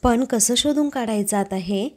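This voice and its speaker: A quick-tempered middle-aged mother bristles and questions sharply, as a woman voices her while retelling. The voice is fairly high yet mellow. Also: close to an everyday voice. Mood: indignant. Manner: sharp, indignant.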